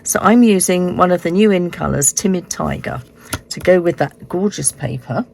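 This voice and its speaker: Female tutorial host, hoarse and froggy after being ill, low register, casual unhurried delivery, faint room noise behind. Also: darkish tone. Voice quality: hoarse, croaky like a frog. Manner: unhurried, explaining step by step. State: croaky voice, recovering from illness. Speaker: host of a card-making tutorial. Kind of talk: casual craft demonstration. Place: indoors at a craft desk.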